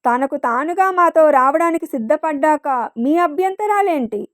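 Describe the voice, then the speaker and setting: A proud, wealthy middle-aged mother who speaks with cold arrogance, as a woman reader puts her on. The voice sits high and sounds close and dry, with no room around it. It is a storybook figure read aloud. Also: expressive, moderate pace, no room sound. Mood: haughty. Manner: haughty, arrogant.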